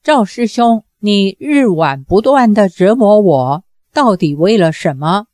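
A woman voicing an anguished young male Taoist who pleads with his tormentor, lowering her voice for him. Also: expressive, a little slow, a little mellow, no room sound, studio quality, close to an everyday voice. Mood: aggrieved. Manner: desperate, begging, low-voiced.

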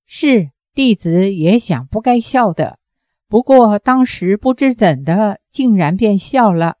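A woman reading the lines of a young, gentle female nun in an audiobook, speaking softly with a choked-up, pleading manner. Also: medium pitch, expressive, slow pace, no room sound, clean studio sound.

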